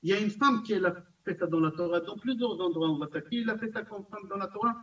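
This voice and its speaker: A rabbi with a high voice gives a lively class in a community center room, repeating points and putting questions to his listeners. He sits well back from the mic, and the recording sounds dull and lo-fi. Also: fast, distant mic. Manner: animated, repetitive, asks the audience questions. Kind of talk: recorded Torah class lecture.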